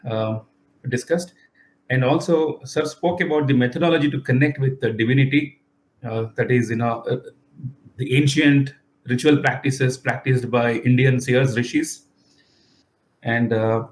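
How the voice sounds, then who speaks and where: A man's voice: mid-range voice, normal speed. A man, a student in an online class, politely recapping a lesson and calling the teacher "sir", with many "uh" fillers.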